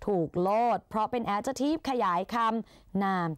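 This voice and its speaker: A woman's voice: mid-range voice, animated, a little slow, dry recording, clean studio sound. A young woman tutoring exam English in a chatty, playful way, casting herself as an older sister who coaxes her students along. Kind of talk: Thai exam-prep lesson.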